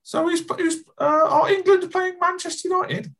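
A baffled mum wails her muddled questions about the match in a shrill, cracking voice pitched far above normal, as a man puts her on. She sounds lost and plaintive. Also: fairly even intonation, normal speed, a bit bright. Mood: bewildered. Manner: shrill, wailing, bewildered questions. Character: confused mum watching football, woman, older.

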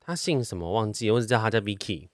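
A man's voice: lowish voice, dry recording, clean studio sound. A young man, telling a workplace story in a casual podcast chat. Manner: rapid-fire anecdote teller, animated. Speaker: podcast co-host.

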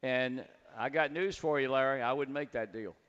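A man's voice: mid-range voice, normal speed, clear, resonant tone, big-room sound, highs cut off. A man hosting a sports call-in radio show, talking in a folksy, wry way. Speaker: radio talk show host.

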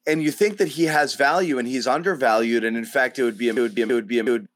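A man's voice: medium pitch, fast. Man sounding tinny, as if inside a metal can. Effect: tinny, hollow sound as if talking inside a metal can. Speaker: podcast co-host. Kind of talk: casual sports chat. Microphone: video call. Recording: tinny glitchy video-call audio.

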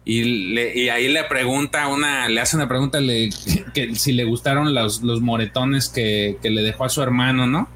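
A man's voice: mid-range voice, steady tone, normal speed, a bit bright, a little hiss or hum. A man co-hosting a comics podcast, recapping a story in casual chat with many fillers and acted-out lines. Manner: hesitant, many fillers, acts out dialogue.

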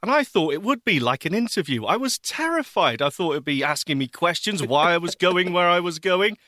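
A man co-hosting a radio show, telling stories in wry, lively casual chat. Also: high-pitched, fairly quick, no room sound, clean studio sound.

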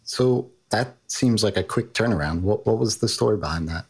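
A man's voice: lowish voice, moderate pace, darkish tone, slightly rough. A man with a New York accent hosting a podcast, reading an upbeat ad and interviewing a guest. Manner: upbeat, promotional. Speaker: podcast host.

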